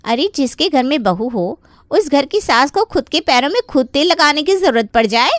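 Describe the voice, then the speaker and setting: A woman's voice: sits high, big pitch swings, moderate pace, no echo, clean studio sound. A woman voicing a scheming young married woman in a cartoon story, taunting and falsely innocent. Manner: sly, taunting, fake-innocent whining. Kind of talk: Hindi cartoon voice acting.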